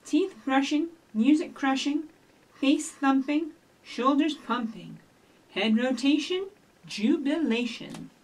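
In a small indoor office with shelves, a middle-aged children's librarian hosts storytime in a high, slow voice. She addresses young children directly and encouragingly as she talks and reads aloud, captured by a distant microphone.

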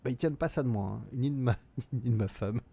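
A man's voice: medium pitch, fairly quick, vocal fry, dark tone, husky. A middle-aged man streaming a game live, reading out chat and thinking aloud with frequent hesitations.

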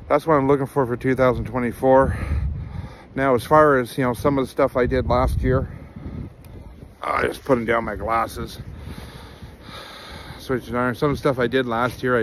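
A man's voice: mid-range voice, fairly even intonation, moderate pace, long pauses, a little hiss or hum. A middle-aged man vlogging casually outdoors on a winter trail, talking earnestly with lots of ums and uhs into a phone held at arm's length. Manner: rambling, many fillers, earnest.

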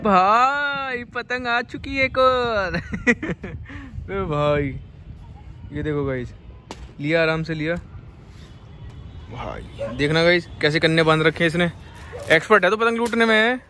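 Young male vlogger, high bright voice, unhurried, excitable, laughing, phone mic outdoors. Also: slight background noise. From India. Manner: excitable, laughing, urging a friend on. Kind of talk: casual vlog commentary. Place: rooftop outdoors in a city. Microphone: phone camera held by the speaker.

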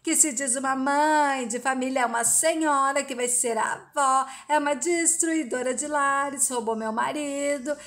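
A woman's voice: high voice, steady tone, moderate pace, hardly any pauses, fairly bright tone. A woman voicing a scheming, provocative female rival who taunts with mock politeness. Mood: shouting.

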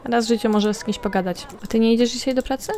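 Fast and mellow, this woman's voice sits on the high side with fairly even intonation. As a gameplay commentator, she casually narrates a life-simulation game, talking to the characters and to viewers.

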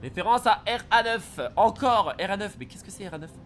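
A young man streaming a game, reacting excitedly and shouting at the action. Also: sits high, brisk, slight background noise. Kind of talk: live gameplay commentary.

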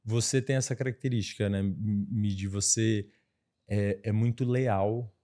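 A man's voice: on the low side, steady tone, measured pace, mellow. A man hosting a casual interview, asking short follow-up questions. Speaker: host.

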